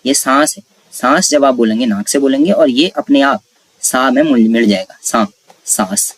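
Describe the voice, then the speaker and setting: A man's voice: mid-range voice, normal speed, no room sound. A man teaching a Hindi grammar lesson for exam preparation, explaining step by step and asking and answering his own questions. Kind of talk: exam-prep classroom lesson.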